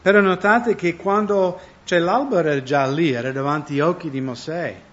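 Male preacher, conversational sermon, slightly high voice, dull lo-fi sound. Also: normal speed, fairly bright tone. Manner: conversational, asks the audience questions. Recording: dull lo-fi recording.

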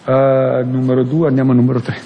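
A man preaching a sermon with earnest, rising and falling emphasis, pausing to search for a verse aloud. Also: medium pitch, completely flat delivery, lo-fi sound, slight background noise. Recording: long hall reverb.

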